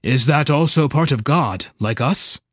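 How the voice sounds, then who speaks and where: A man voicing a shy, gentle, philosophical male octopus in a storybook reading, speaking softly and formally in a low, dark-toned voice. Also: unhurried, no echo, clean studio sound, close to an everyday voice. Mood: wondering. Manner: soft-spoken, formal and calm.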